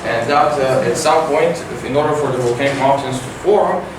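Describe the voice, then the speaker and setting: A teenage boy giving a science competition report with many fillers and halting phrasing. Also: mid-range voice. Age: teens. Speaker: student presenter. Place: large classroom with projector. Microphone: far camera. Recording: echoey room from far off, noisy.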